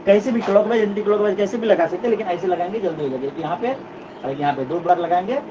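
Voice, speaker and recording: The audio of this classroom physics lecture is distant, dull and noisy. A man with a high-pitched voice speaks at a quick pace, explaining each step, going back over key points and checking that his students are following.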